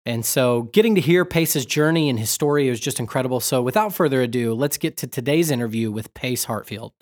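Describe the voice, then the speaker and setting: A man's voice: medium pitch, fairly quick. A young adult man co-hosting a podcast in casual, upbeat, joking chat. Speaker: podcast co-host.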